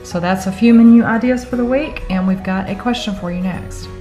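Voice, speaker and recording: A middle-aged woman chats casually into a camera held at arm's length from her parked car. She walks through prices and plans for the week in an easy, talkative way. Clear background music plays under her voice. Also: mid-range voice, brisk, dark tone. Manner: chatty, thrifty, talks through prices and plans. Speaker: cooking channel host. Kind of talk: casual vlog chat.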